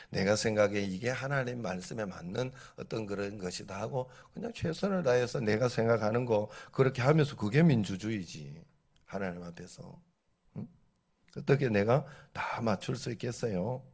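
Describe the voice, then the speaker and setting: A man's voice: fairly low pitch, gravelly, darkish tone, slightly rough. A male pastor preaching in a colloquial storytelling way, quoting people animatedly. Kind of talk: sermon.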